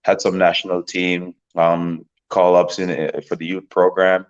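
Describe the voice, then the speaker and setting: In a slightly dull, lo-fi recording, a very low-voiced Jamaican man in his thirties speaks at a measured pace as a guest in a casual interview. A professional soccer player, he rambles comfortably through his story, repeating words and using many fillers.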